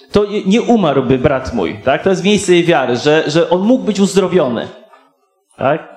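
Echoey preacher reading scripture aloud. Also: male voice, fairly high pitch, darkish tone. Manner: reads slowly with frequent rhetorical "tak?" asides. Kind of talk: sermon reading and explaining scripture.

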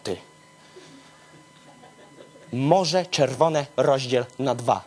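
A man preaching in an animated storytelling style, talking straight to his listeners and swinging from low murmurs to high exclamations. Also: extremely slow.

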